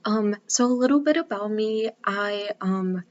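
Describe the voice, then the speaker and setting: A woman's voice: mid-range voice, a little slow, muffled recording. A woman in her twenties, raised in Bulgaria, introducing herself as a math tutor in an earnest, casual way with frequent "um"s. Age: 20s. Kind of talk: casual self-introduction to camera.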